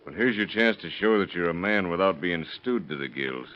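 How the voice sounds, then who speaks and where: In the style of a 1930s radio drama, an actor voices a shrewd police detective whose deep voice is brisk and lively in intonation. He's dry and goading, needling with leading questions. The dull, lo-fi old radio recording carries slight background noise.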